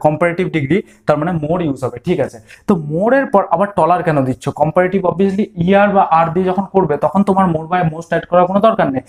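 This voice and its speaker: A man's voice: high-pitched, a little mellow. A man teaching an online grammar lesson, drilling word forms and asking and answering his own questions.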